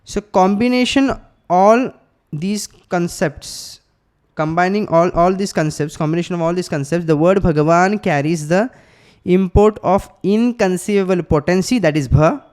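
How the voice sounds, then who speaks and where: Slow, high-voiced man teaching scripture. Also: a little mellow, smooth. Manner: explains verses slowly, pauses, repeats and restarts phrases; tells listeners to write points down. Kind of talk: scripture class mixing Hindi and English.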